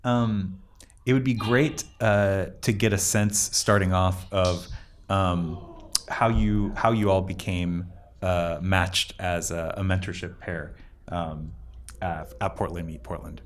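A man's voice: deep voice, fairly even intonation, takes it slowly, slight background noise. A man hosting a podcast interview, reading an introduction and then asking hesitant questions full of fillers. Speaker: podcast host.

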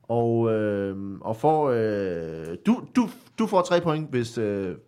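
A man's voice: mid-range voice, sing-song, dark tone, clean tone. Hesitant, joking male podcast host. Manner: hesitant, full of fillers, joking. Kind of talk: casual podcast chat.

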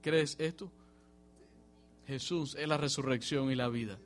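A man preaching a sermon in a church, swinging from emphatic rising bursts to quiet, low passages. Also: a little slow, faint music behind. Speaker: pastor.

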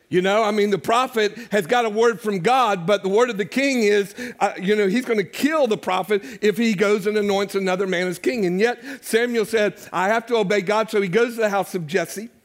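An older man preaching a sermon as pastor to his church, conversational and joking with the congregation. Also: high voice. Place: church sanctuary.

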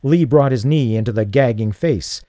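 A man giving a dramatic audiobook narration of a thriller, measured and slowing for tense beats. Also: mid-range voice, warm tone, dry recording, clean studio sound. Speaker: audiobook reader.

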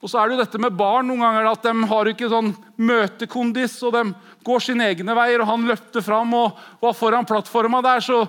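A man in his forties preaching a pentecostal sermon, fervent, moving between loud exclamations and hushed prayer. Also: extremely high pitch, little pitch movement, few pauses. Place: large conference hall.

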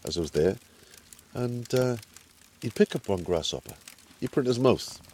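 A man's voice: medium pitch, animated, normal speed, darkish tone, breathy edge. A man from Wales with a Welsh accent, casually telling anecdotes outdoors. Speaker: visiting angler.

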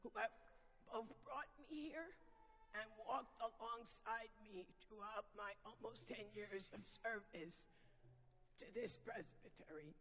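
A woman guest preacher with a husky, strained, sultry voice, addressing a congregation in measured, deliberate phrases. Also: a little high, fairly bright tone. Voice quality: husky, strained voice from vocal dysphonia, self-described as sultry. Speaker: guest preacher, church executive presbyter. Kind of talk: sermon with greetings to congregation. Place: large church sanctuary. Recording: reverberant church hall, amplified.

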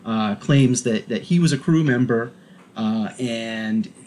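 Rambling, animated man, casual podcast chat. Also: mid-range voice, slow, a little hiss or hum. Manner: rambling, animated, many restarts and fillers. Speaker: podcast co-host.

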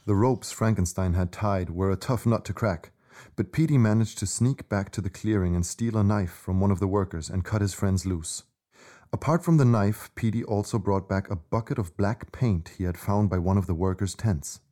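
A man's voice: on the low side, moderate pace, dark tone. A man narrating a scripted children's adventure story.

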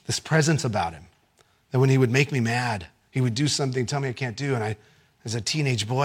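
A male pastor preaching a sermon, telling stories with animated swings from excited shouts down to hushed, quiet lines. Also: medium pitch, breathy edge.

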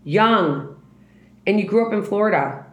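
A woman's voice: medium pitch, animated, unhurried. A middle-aged woman hosting a podcast, chatting playfully and casually with a guest. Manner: chatty, playful, laughs easily. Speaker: podcast host. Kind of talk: casual interview chat. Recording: echoey room.

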